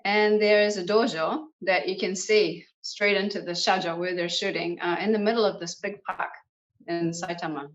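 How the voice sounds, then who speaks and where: A woman's voice: lowish voice, dull audio. Chatty New Zealand woman on a call. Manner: chatty and enthusiastic, with frequent fillers. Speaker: guest, kyudo practitioner. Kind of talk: casual interview chat.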